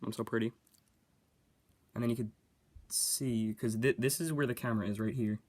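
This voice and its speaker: A young man with a medium-pitched voice runs a casual commentary to himself as he builds and plays. He talks in a chatty, joking way and gets excited easily. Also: normal speed. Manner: chatty self-talk, easily excited, jokey. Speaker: YouTuber.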